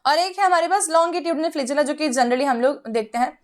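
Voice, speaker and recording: A woman's voice: high voice, normal speed. A young woman with an Indian English accent teaching a biology lecture, mixing Hindi and English and explaining step by step to her students. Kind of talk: online exam-prep lecture.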